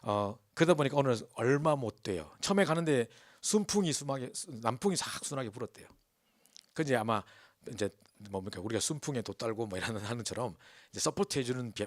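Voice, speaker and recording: A man preaches in a church, telling stories at a brisk pace. He keeps asking the listeners for agreement. His voice is close and dry, with almost no room sound. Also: mid-range voice, no echo. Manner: animated storytelling, keeps asking the congregation for agreement. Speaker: pastor. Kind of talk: sermon.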